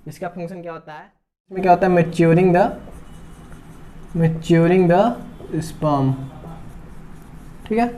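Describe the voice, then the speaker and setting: A man's voice: high-pitched, a little mellow. A man teaching biology while drawing a diagram, repeating each term and checking in constantly with his students. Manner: repeats terms, checks in with "theek hai" constantly.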